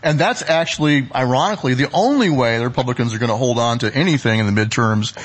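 A man's voice: mid-range voice, fast, low-quality recording. A man hosting a political talk show, conversational, with casual, punchy phrasing.

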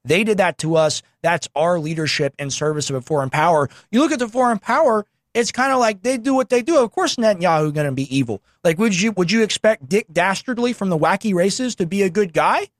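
A man with a slightly high voice hosts a political call-in show. He talks informally and emphatically, pushing his opinions, in a dry, close recording. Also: lively intonation, fairly quick, hardly any pauses, no echo. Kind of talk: political talk show commentary.

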